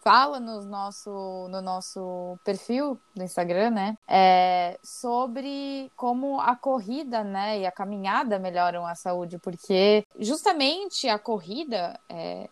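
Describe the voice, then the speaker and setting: A woman's voice: mid-range voice, animated, takes it slowly, hardly any pauses, no echo. A young woman hosting an interview, asking questions and answering with short affirmations. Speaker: host, project coordinator.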